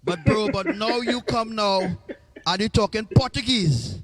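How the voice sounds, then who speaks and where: A man with a notably high voice chats on his livestream. He jokes around, repeating lines for laughs in an easy, casual way. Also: a little slow, a little hiss or hum. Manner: joking, repetitive, playful. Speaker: livestream host.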